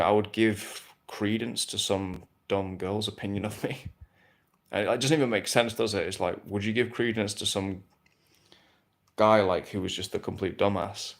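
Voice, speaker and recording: A blunt man in his thirties handles viewer questions on a live stream at a moderate pace. Low and gravelly, his voice holds a flat, level tone, and casual swearing comes up often.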